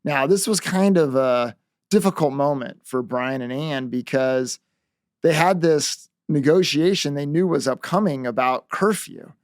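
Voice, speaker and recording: Gravelly man telling a story. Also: on the high side, no echo, studio quality. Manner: conversational, animated storytelling. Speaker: negotiation expert, show host. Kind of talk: storytelling talk.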